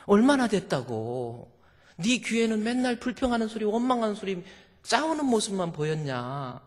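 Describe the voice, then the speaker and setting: A man voicing an elderly widowed mother who speaks softly and slowly, gently reproving her daughter. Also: high voice, big pitch swings, long reverb tail, pitched above the performer's own voice. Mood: gentle. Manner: soft, slow, gently reproving.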